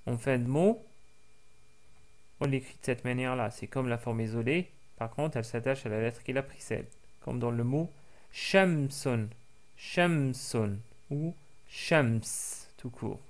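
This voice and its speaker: A man teaching a language lesson for French speakers, slowly repeating each word for practice, with frequent hesitations. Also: mid-range voice. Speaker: Arabic teacher.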